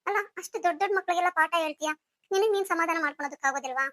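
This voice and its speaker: Brief: woman as motherly older sister, teasing and soothing, high bright voice. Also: rapid-fire, dry recording. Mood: chiding. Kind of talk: melodramatic audio story acting.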